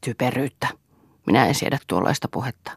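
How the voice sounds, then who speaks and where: A woman's voice: rumbling low, gravelly, breathy edge, no echo, studio quality, exaggerated voice. A woman reading the lines of a bitter, domineering husband who talks with scorn and blame. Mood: scornful. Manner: scornful, accusing.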